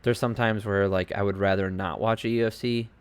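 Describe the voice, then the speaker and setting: Low-pitched male podcast host, chatty and rambling, casual solo commentary from a home desk. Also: fairly even intonation, brisk, smooth. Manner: rambling and chatty, heavy on fillers and asides. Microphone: home desk setup.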